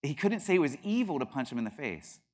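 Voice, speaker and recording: A man's voice: fairly high pitch, fast. A middle-aged man teaching a class, arguing his points with rising emphasis and acting out quoted voices. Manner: animated, acts out quoted voices with bursts of laughter. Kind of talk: classroom lecture.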